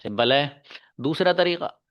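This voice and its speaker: A male teacher giving an online English grammar class, patiently repeating key slowly and calling on pupils one by one. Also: a little high, lively intonation, highs cut off.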